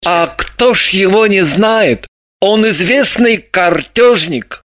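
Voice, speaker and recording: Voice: medium pitch, lively intonation, slow pace, a bit bright, dry recording, studio quality. An audiobook narrator voicing brash, tipsy middle-aged male gamblers, boisterous and coaxing. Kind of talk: audiobook character voices.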